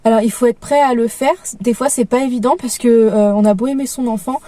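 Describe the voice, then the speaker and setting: A young mother talks through parenting advice in a calm, gentle voice, pausing often to find her words. Her voice is higher than most but mellow and soft. It sounds dry, with the mic set a little away from her. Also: no echo, far from the mic. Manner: calm, gentle, many hesitations. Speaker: parenting vlogger. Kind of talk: casual advice talk.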